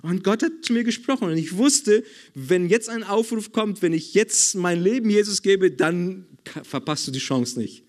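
A man's voice: high-pitched, expressive, normal speed. A man preaching a sermon in a church service, emphatic and repetitive, calling for amens.

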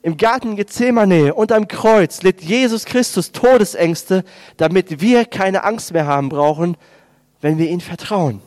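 A man's voice: high-pitched, unhurried, a little mellow, no echo. A man preaching a baptism sermon, speaking the words of God and Jesus in raised, emphatic tones. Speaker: pastor.

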